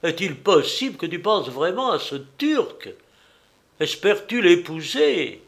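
An old father, gentle yet quick to flare up, as a man reading a storybook puts him on, pleading in loud, exclamatory bursts. His voice climbs a little above the reader's own. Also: sits high, sing-song, vocal fry, voice pushed up, full character voice. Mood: imploring. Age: older. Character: older father, gentle but excitable, pleading.

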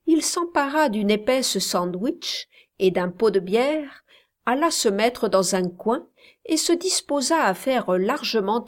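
Brief: woman narrator, very slow, even audiobook reading of a classic novel. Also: mid-range voice. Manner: measured, unhurried reading.

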